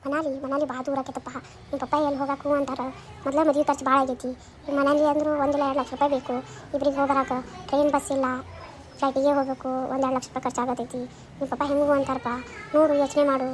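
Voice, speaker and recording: Woman doing a fussy north karnataka kannada mom, high and fast, lectures nonstop. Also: little pitch movement, slight background noise, close to an everyday voice. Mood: advising. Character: worried, scolding middle-aged mother. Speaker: skit actor. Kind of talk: comedy skit acting.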